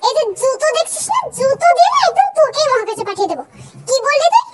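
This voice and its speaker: A hot-tempered young ex-girlfriend, played by a woman in a comic fan dub. Her very high voice throws out rude threats and insults. A faint hiss runs under it. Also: very animated, quick pace. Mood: furious.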